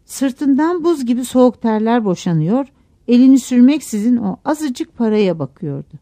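A woman narrating a novel aloud in a measured, expressive audiobook reading. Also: a little high.

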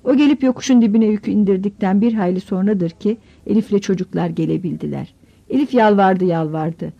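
A woman narrating a novel in measured storytelling, giving the characters voices. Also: mid-range voice, gravelly, dark tone, breathy edge. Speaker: audiobook narrator. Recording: dull lo-fi audiobook recording.

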